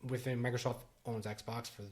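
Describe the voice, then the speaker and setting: A man's voice: mid-range voice, flat delivery, normal speed. A middle-aged man co-hosting a podcast, talking in a loose, rambling way with lots of restarts and fillers. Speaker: podcast co-host. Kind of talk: casual chat.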